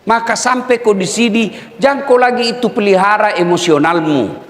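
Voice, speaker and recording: Animated preacher with Makassar accent. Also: male voice, high-pitched, moderate pace. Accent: Makassar Indonesian. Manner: animated, scolding, jokey. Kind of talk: humorous sermon. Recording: echoey hall.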